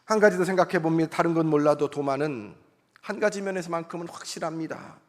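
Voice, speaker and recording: Man, pastor, sermon, high-pitched, earnest conversational preaching, church sanctuary, reverberant hall. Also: fast. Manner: earnest, conversational preaching with voiced inner thoughts.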